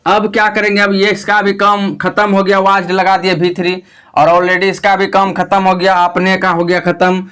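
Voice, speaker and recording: A young man with a Bihari Hindi accent teaching English grammar online. His voice sits high and rings clean and smooth. He talks patiently, repeating phrases and reassuring students. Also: completely flat delivery, moderate pace, fairly bright tone.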